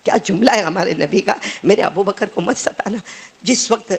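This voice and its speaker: A man's voice: high voice, gravelly, breathy edge. A man preaching a sermon, telling stories animatedly and acting out the voices, calling on the listeners to answer.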